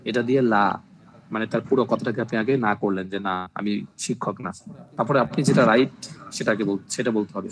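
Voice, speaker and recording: A man teaching a language class, explaining slowly and patiently and repeating each phrase with its translation. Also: lowish voice. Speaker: Arabic teacher. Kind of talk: online language class in Bengali. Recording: noisy recording with clicks.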